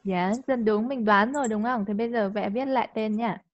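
A woman teaching English in a live online class. She coaxes the student and checks understanding with quick tag questions. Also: fairly high pitch. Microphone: video call. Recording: dull lo-fi call audio.

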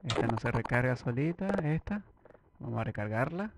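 A young man giving let's play commentary, talking to himself and swinging from muttering to excited shouting. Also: medium pitch, normal speed, heavy background noise. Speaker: gameplay streamer. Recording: loud game gunfire behind voice.

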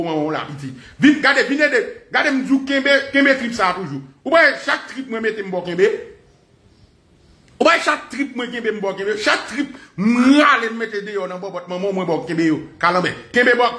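A man's voice: very high voice, sharp tone, roomy sound. A man with a Haitian accent, a radio commentator delivering a crude, mocking rant. He laughs through his words and mixes Creole and French.

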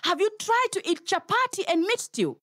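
A woman voicing a mocking hyena in a storybook tale, scolding and fast. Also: extremely high pitch, big pitch swings, a bit bright, no echo, studio quality, voice pushed up, full character voice.

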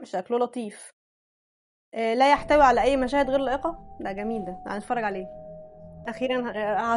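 A woman with an Egyptian Arabic accent chats frankly with her viewers at a very fast clip, her voice sitting a little high. She often breaks off mid-word and starts again. Faint music plays behind her. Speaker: anime vlogger. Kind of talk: casual chat reading out recommendations.

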